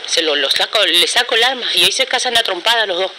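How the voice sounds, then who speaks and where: A woman's voice: medium pitch, animated, fast talker, bright, forceful tone. A middle-aged woman with an Argentine accent, the victim's aunt, telling what happened in an urgent, repetitive way with many restarts, interviewed outdoors. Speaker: victim's aunt giving testimony. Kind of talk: street interview. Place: outdoor courtyard by a building. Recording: noisy outdoor news footage.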